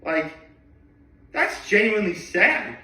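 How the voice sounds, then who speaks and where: A man's voice: high-pitched, sing-song, takes it slowly, pushed and bright. A man chatting casually about a movie he loves, rambling with lots of fillers and rising enthusiasm. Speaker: vlogger. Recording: echoey room, voice from a distance.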